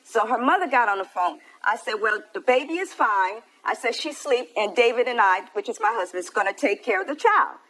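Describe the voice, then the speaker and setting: Plaintive high-pitched American woman testifying in court. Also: lively intonation, brisk, hardly any pauses, a bit bright, poor audio. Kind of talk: animated courtroom storytelling.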